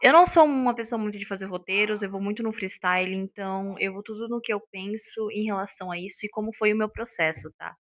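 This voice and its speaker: A woman's voice: medium pitch, dry recording. A woman, talking unscripted to her viewers in a casual vlog and checking in with them often. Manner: chatty, checks in with listeners often. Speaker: vlogger.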